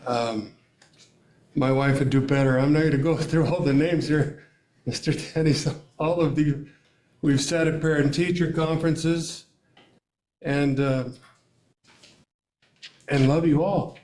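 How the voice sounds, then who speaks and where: An older man speaking at a school board meeting, emotional and tearful, rambling with many pauses and fillers. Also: on the high side, steady tone, darkish tone. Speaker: parent addressing school board. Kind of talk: public comment at a meeting. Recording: echoey meeting room.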